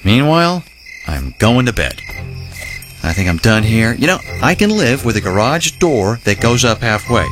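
An actor playing a firm but gentle middle-aged father in an audio drama, giving measured moral guidance. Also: medium pitch, very animated, over music, natural voice. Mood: wry.

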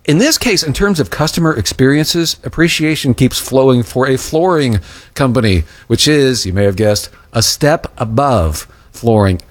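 A man's voice: medium pitch, animated, normal speed. A man, a radio host, delivering a scripted sponsor read with testimonial copy.

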